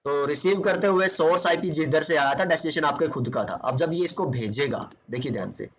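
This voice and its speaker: A man's voice: fairly high pitch, brisk. A man teaching networking, walking through a screen demo and answering his own questions as he goes. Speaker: networking instructor. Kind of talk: screen-recorded tutorial walkthrough.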